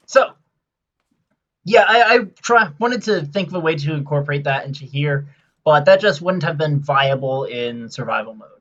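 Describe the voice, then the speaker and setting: Man, casual gameplay commentary, rambling, excitable, lots of fillers, slightly muffled lo-fi mic. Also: on the high side, normal speed.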